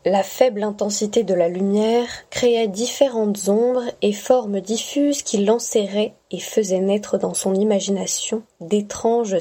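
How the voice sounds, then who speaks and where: A woman narrating a short story aloud, reading slowly and evenly. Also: mid-range voice, mellow, breathy edge. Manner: slow, measured reading. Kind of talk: scripted narration.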